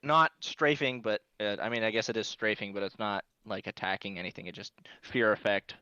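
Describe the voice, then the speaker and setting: Guy running a tabletop game, narrating off the cuff, bright voice, close slightly dull mic. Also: lowish voice, steady tone, a little fast, clean tone, dry recording. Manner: conversational, hesitant, rephrasing as he goes. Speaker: game master.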